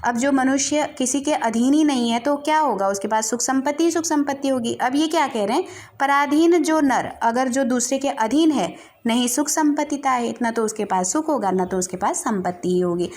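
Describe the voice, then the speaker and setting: A woman teaching a Hindi literature lesson, explaining verse lines and reciting them slowly. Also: sits high, a little mellow. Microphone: phone recording.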